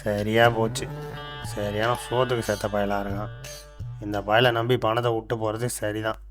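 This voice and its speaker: An actor voicing a scheming older sage in a cartoon, who cries out and grumbles, with a Tamil accent. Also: male voice, lowish voice, flat delivery, normal speed, over music, close to an everyday voice. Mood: muttering. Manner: exclaims and grumbles, often loud cries. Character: scheming older male sage, easily fooled, loud. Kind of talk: cartoon dubbing.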